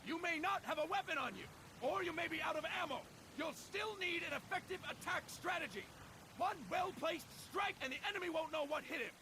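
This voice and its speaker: An actor playing a stern, bossy military drill sergeant who barks training instructions in a video game tutorial. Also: male voice, extremely high pitch, expressive, brisk, background noise. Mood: brisk, commanding. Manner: drill sergeant style, barking commands, stern.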